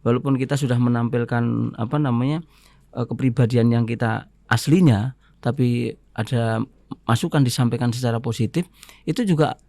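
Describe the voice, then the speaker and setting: A man with an Indonesian accent, a podcast guest talking in a measured way and often pausing with fillers as he searches for words. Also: medium pitch, vocal fry, warm tone, no room sound. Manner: measured, fills pauses with "apa namanya". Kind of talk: casual interview talk.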